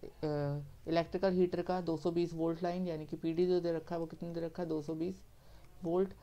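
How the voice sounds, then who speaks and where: A male teacher lectures in a mellow, warm voice. He works through each step methodically, asks questions and answers them himself, and keeps checking that the class is following. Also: on the high side, level tone, normal speed, highs cut off. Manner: repeats "theek hai" to check understanding. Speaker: science teacher.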